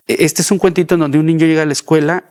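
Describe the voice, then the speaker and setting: A man's voice: a little high, level tone, fast talker, darkish tone. A man, a podcast guest talking in a thoughtful, explanatory way. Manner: thoughtful, explanatory, repeats words when starting. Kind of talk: reflective conversation.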